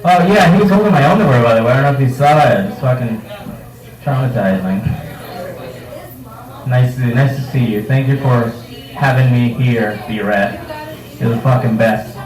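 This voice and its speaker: A man working a bar crowd with loose, foul-mouthed, self-mocking stand-up. His voice sits in an ordinary middle pitch. The recording catches him from a distance in a reverberant room. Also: normal speed, long pauses. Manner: casual, profane, self-mocking crowd work. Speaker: stand-up comedian. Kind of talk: live stand-up set. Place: bar comedy night. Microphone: handheld microphone. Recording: roomy bar sound from a distance.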